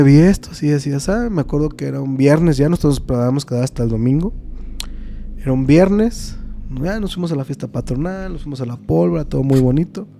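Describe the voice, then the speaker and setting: A man's voice: mid-range voice, creaky, mellow. A man with a Mexican accent, a podcast guest telling a story casually, hesitant and full of fillers.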